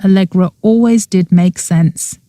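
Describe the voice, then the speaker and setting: A woman narrates a cozy mystery audiobook with a mellow, relaxed tone and a slightly low pitch. She tells the story expressively, and the recording is close and dry. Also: a little slow, no echo.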